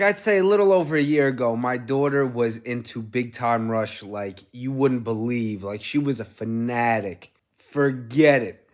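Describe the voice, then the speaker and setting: A middle-aged man, rambling casually as a vlog host, telling things in an animated way with casual swearing. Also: mid-range voice. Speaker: gaming streamer and host.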